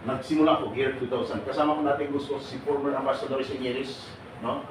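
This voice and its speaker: A man's voice: mid-range voice, level tone, a little fast. A middle-aged man speaking at a seminar, asking the audience questions, joking and laughing often. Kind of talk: lively lecture to a live audience. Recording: echoey room from far off, noisy.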